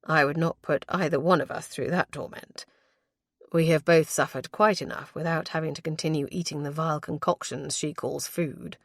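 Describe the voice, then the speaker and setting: A woman's voice: steady tone, normal speed, no room sound, studio quality. A woman doing a doting, wry young lord. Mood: tender. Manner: low, murmuring, wry.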